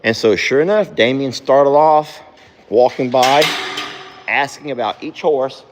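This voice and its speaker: A man's voice: medium pitch, a little slow, background noise. A man chatting casually on his farm vlog as he does barn chores. He coos at the animals and scolds them in a sharply raised voice. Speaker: farm vlogger.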